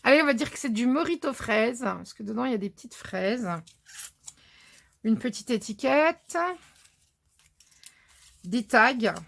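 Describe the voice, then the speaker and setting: French woman showing off her craft buys, talks as she goes, lots of euh, a bit of fry. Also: on the high side, measured pace, pauses often, a bit bright. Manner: chatty, fillers like euh and hop, thinking aloud. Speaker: scrapbooking vlogger. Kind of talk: casual haul video.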